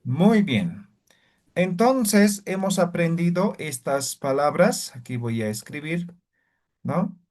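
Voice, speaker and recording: Slow, patient male language teacher. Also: fairly high pitch, animated, a little mellow. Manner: patient, checks in with short tag questions. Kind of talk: online class instruction.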